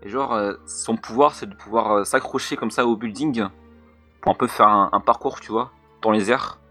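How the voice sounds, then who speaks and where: A man's voice: lowish voice, moderate pace, bright, forceful tone, faint music behind. A young man co-hosting a casual gaming podcast, laid-back and hesitant, stumbling through his descriptions with fillers. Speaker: podcast co-host.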